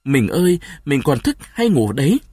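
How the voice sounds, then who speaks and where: A man voicing a frightened, tearful peasant wife who speaks in a trembling hush, in a storybook reading. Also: on the high side, very animated, moderate pace, slightly rough, no room sound, studio quality. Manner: trembling, hushed pleading.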